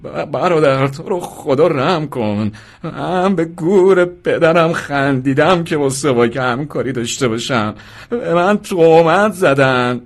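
A man's voice: few pauses, breathy edge. A man voicing a frightened middle-aged man who pleads through tears. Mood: tearful pleading. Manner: sobbing, begging, voice rising high.

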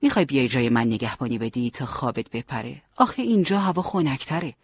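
A man voicing a tired, dutiful young male fighter on guard, speaking plainly with a husky voice. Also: medium pitch, lively intonation, no echo, studio quality.

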